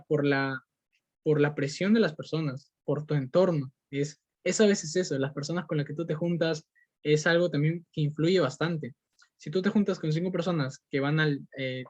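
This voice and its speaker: A young Peruvian podcast host with a Peruvian Spanish accent offers an earnest motivational monologue, stumbling through fillers and restarts. His voice is a little high and darkish, without echo, on a dull lo-fi recording.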